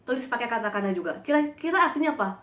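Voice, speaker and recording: A woman's voice: fairly high pitch, expressive, rapid-fire, a bit bright, roomy sound. A woman giving a casual Japanese lesson, playfully mimicking animal sounds and bells as she explains words. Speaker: Japanese language teacher. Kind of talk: casual online language lesson.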